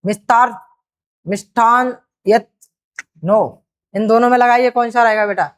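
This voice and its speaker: A woman's voice: on the high side, steady tone, unhurried. A woman teaching a grammar exam-prep lesson, addressing students fondly and drawing out repeated words as she works through each question.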